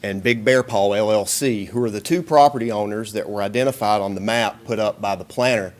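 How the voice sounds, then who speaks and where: A man's voice: lowish voice, fairly quick. A man, an attorney from North Carolina, addressing a council hearing in a polite, businesslike way. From Hickory, North Carolina. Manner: polite, businesslike, a bit self-deprecating. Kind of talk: formal public comment. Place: city council chambers.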